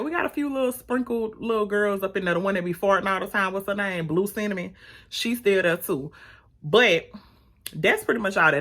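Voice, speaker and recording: A woman's voice: fairly low pitch, fairly bright tone. Sassy woman recapping a TV episode. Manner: sassy, chatty, slangy storyteller. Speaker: TV review YouTuber.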